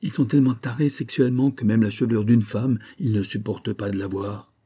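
A man voicing a rebellious young woman who speaks with loud indignation. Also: fairly low pitch, completely flat delivery, a little fast, husky. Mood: outraged.

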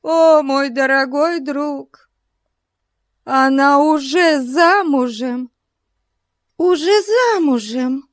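A woman's voice: high voice, extremely slow, pauses often, dry recording, clean studio sound, voice pushed up. A woman voicing a scheming middle-aged lady who gushes with false concern. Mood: sugary. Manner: gushing, falsely solicitous. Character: scheming, sugary middle-aged clergyman's wife.

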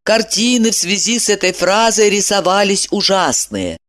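A woman narrating a novel aloud, reading with lively, strongly varied intonation. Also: medium pitch, moderate pace. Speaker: audiobook narrator.

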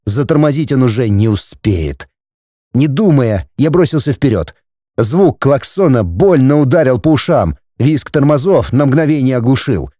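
A man narrating a first-person audiobook in a dramatic, expressive reading. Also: mid-range voice, no echo, studio quality.

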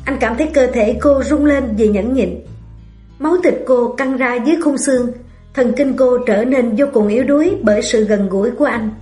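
Female audiobook narrator, calm melancholic delivery, reverberant room with soft music underneath. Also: fairly high pitch, normal speed. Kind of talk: scripted narration.

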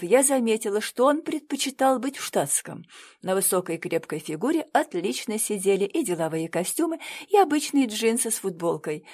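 A woman's voice: fairly high pitch, a little mellow. A woman steadily narrating a first-person novel as an audiobook reader.

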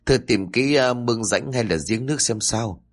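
A man voicing a calm, advising older neighbor woman in a spoken ghost story. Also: mid-range voice, normal speed, lightly acted. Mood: serious.

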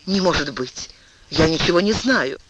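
A man's voice: fairly high pitch, lively intonation, moderate pace, a bit bright, slight background noise, voice pushed up, low-quality recording. A man doing a young ardent English duke. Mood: impassioned. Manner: earnest, pleading, emotional. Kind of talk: audiobook reading.

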